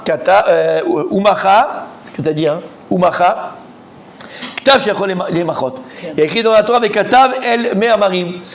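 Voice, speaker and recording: A male rabbi teaches a lively Torah class on the Talmud, his voice high-pitched. Animated, he quizzes the students, repeats words, and his pitch rises when he gets excited.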